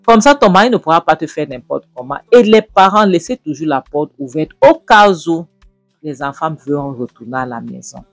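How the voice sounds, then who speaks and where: A man retelling a drama series scene by scene and then commenting on it, speaking straight to his viewers in a lively storytelling way. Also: a little high, moderate pace, creaky, no echo, soft background music. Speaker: series reviewer.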